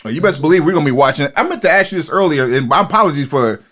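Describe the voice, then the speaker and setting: A man's voice: on the high side, animated, racing, fairly bright tone. A man co-hosting a podcast, asking rambling questions and laughing along in casual chat. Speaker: podcast co-host.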